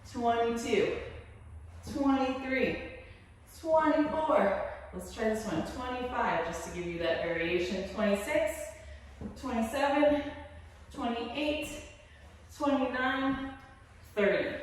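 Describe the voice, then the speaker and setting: A woman working out as she teaches, an encouraging aerobics instructor who counts reps aloud and calls out form cues. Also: fairly high pitch. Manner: exerting while talking. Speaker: fitness coach. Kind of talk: aerobics instructor leading a seated workout. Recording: echoey hall, distant mic, noisy.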